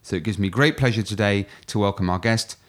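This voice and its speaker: Male podcast host, lowish voice, upbeat, reads the intro then asks questions. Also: a little fast.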